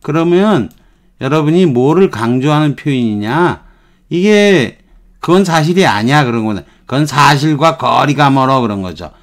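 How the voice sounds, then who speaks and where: A man teaches an English lesson in an unhurried, deliberate way. His pitch is middling and his pace slow. He repeats phrases patiently as he explains them.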